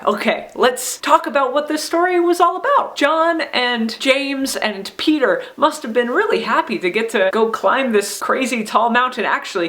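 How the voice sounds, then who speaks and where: A woman's voice: fairly high pitch, a bit bright. A woman giving a playful children's Bible lesson, upbeat and talking straight to young viewers. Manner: upbeat, playful, talks to a dog. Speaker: Sunday school teacher. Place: church video recording.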